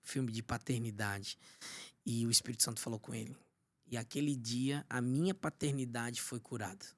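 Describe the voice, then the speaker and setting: A man from Brazil, a pastor and podcast guest, telling an emotional personal testimony and often dropping to a hushed voice. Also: medium pitch, fairly even intonation, moderate pace. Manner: storytelling, often drops to a hushed voice.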